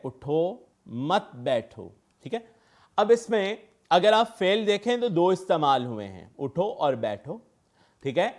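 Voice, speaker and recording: Slow, patient man teaching. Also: on the high side. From Pakistan. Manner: patient, explanatory, calls students "beta", repeats "theek hai". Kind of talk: online exam-prep lecture.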